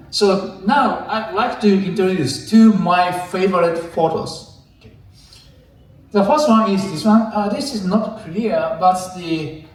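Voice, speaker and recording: Higher-voiced man lecturing in an echoey hall. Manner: hesitant, many fillers, light joking with the audience. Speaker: university lecturer presenting at a forum. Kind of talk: conference presentation. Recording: echoey hall, distant mic.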